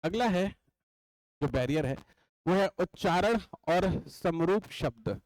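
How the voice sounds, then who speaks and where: High-voiced man teaching in a dry room. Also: expressive, slow pace, darkish tone, no echo, poor audio. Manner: chatty, repeats points and checks understanding. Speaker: exam coaching teacher. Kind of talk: classroom lecture. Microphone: writes on a board while talking.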